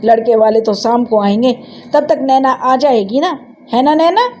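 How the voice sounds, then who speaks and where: A woman doing a gentle, soft-hearted mother. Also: a little high, moderate pace, a little hiss or hum, natural voice. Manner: gently persuasive.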